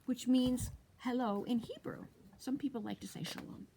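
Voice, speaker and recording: A woman librarian with a fairly high, slightly rough voice reads a picture book aloud at storytime, speaking at normal speed. She's animated and asks the young children questions along the way.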